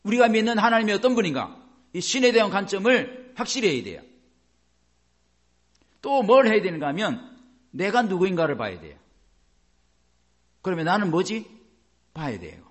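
Lively, animated male pastor preaching. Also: high voice, moderate pace, long pauses. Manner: asks the congregation rhetorical questions; acts out little dialogues in changing voices. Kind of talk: sermon.

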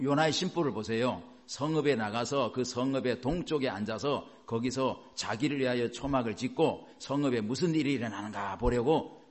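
A man preaching a sermon in an animated way, asking rhetorical questions and chuckling as he goes. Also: medium pitch. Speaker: pastor.

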